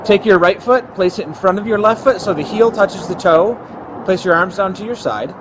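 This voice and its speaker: Speaking at a moderate pace in a high voice, a policeman gives careful, step-by-step directions and makes sure he's understood. He's outdoors by the road next to a patrol car, captured on his own body camera, so the recording is noisy with traffic.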